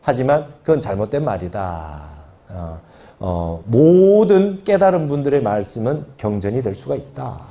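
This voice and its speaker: A man's voice: mid-range voice, sing-song, normal speed, dark tone. A male Buddhist monk teaching a scripture class, explaining patiently and often asking his students for agreement. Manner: explanatory, repeats key phrases and asks the class for agreement.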